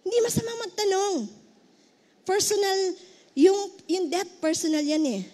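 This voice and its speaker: A woman's voice: very high voice, moderate pace, a little mellow. A middle-aged woman pastor with a Filipino accent preaching a heartfelt sermon, now and then breaking into song.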